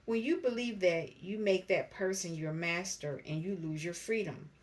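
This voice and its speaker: A woman giving a spiritual card reading to camera, speaking slowly and reflectively and reading card meanings aloud. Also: lowish voice. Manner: slow, reflective, reads card text aloud. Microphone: camera mic.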